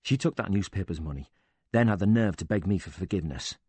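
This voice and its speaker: A man's voice: low voice, expressive, fast talker, mellow, slightly rough, dry recording. A man reading as a bitter, swearing older widower. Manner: indignant, swearing, sarcastic. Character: bitter older widower, quick-tempered and defensive.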